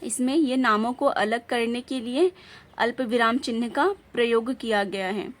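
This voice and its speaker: A woman teacher giving a patient lesson, reading example sentences aloud with clear emphasis. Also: fairly high pitch, unhurried. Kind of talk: classroom lesson explaining punctuation.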